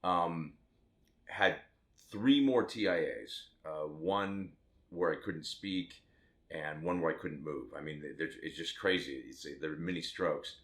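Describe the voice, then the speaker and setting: A man's voice: rumbling low, takes it slowly, a bit bright. A man in his fifties from Las Vegas, a tattoo artist telling his own story to the camera in a candid, rambling way with self-mocking asides. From Las Vegas, Nevada, USA.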